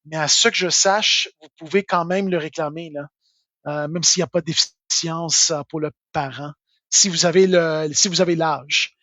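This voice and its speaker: A man's voice: on the high side, steady tone, normal speed, pushed and bright, no room sound, highs cut off. A man with a Québécois French accent answering tax questions live, informal and full of fillers.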